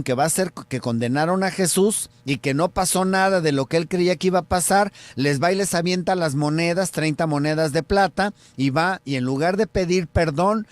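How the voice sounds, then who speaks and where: A man with a Mexican Spanish accent, a radio show host and surgeon, telling a story in a lively way and acting out the quotes. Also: a little high, no room sound. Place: radio studio.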